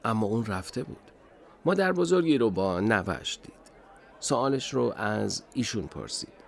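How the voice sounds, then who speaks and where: Lively low-voiced male storyteller. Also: creaky. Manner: slow, expressive storytelling. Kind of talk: children's radio storybook narration.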